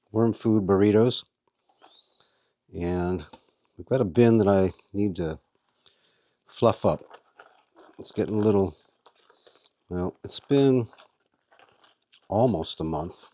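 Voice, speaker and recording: A man's voice: lowish voice, takes it slowly, long pauses, dark tone. A man hosting a casual how-to video, chatting as he works and talking to his worms. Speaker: vlog host and worm farmer.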